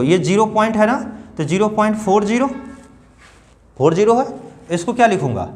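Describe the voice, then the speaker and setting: A man's voice: sits high, a little mellow. A man teaching a math lesson to children, patiently repeating numbers step by step and asking them questions.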